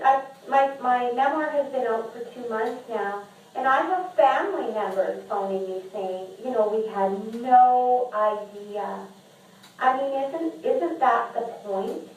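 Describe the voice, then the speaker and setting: A woman who is a memoir author speaks candidly as a podcast guest in a conversational interview, sounding earnest and often restarting sentences with repeated words. Her slightly high, a little mellow voice is picked up from a distant mic in a strongly echoing room.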